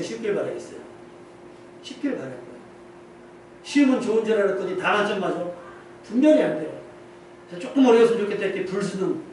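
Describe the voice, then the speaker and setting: A man's voice: sits high, a little hiss or hum. A male pastor preaching a sermon in a conversational way, posing questions to the congregation and answering them himself. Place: church sanctuary. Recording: echoey church hall, mic at a distance.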